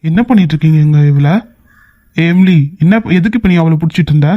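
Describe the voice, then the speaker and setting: A man's voice: on the high side, quick pace, dull audio, a little hiss or hum, close to an everyday voice. A man voicing a protective young male lover in a cartoon, stern and questioning.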